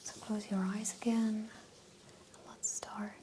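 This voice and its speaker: A woman speaks in a soft unvoiced whisper, playing a doctor through a calm medical exam. Her delivery is slow and unhurried, and the pitch stays flat and even throughout. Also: slight background noise. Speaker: doctor in roleplay. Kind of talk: whispered ASMR medical roleplay.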